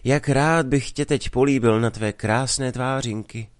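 A man reading a story aloud, voicing a calm, evasive young village man who teases his sweetheart. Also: mid-range voice, clear, resonant tone, no room sound, studio quality, close to an everyday voice. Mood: sly calm.

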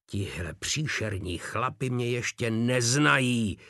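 A man's voice: medium pitch, expressive, sharp tone, no echo, studio quality. A man voicing a pompous Prussian army captain who shrieks orders and loses his temper. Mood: seething. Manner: shrieking, losing control.

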